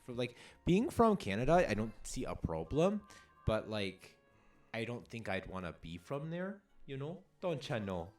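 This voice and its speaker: A man's voice: mid-range voice, big pitch swings, normal speed, faint music behind. Rambling man chatting over a game. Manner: rambling, lots of fillers and restarts. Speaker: co-host playing a video game. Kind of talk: casual let's play chat.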